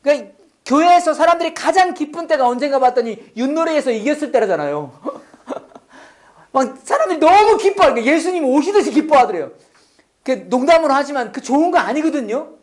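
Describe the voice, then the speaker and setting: A male pastor preaching a sermon. He acts out quotes, sometimes shouts, and sometimes drops to a near whisper. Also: very high voice, sing-song, fairly quick.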